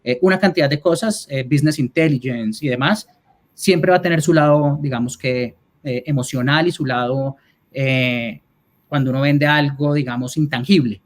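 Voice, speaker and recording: A Colombian man with a Colombian accent speaks in a mid-range voice at a normal speed. He is an advertising executive appearing as a guest speaker, answering audience questions in an online talk. His manner is explanatory, and he often adds check-in tags to make sure listeners are following.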